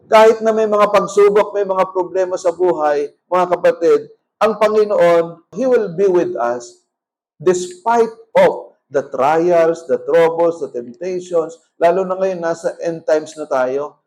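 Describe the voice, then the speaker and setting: A Filipino man with a Filipino accent, preaching a sermon as a pastor, switching between loud appeals and quiet asides and mixing Tagalog with English. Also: high voice, takes it slowly, rough recording. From Philippines.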